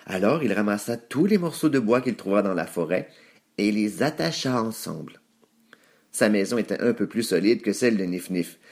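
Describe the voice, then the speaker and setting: A man narrating a children's story aloud in an expressive read-aloud manner. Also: fairly low pitch.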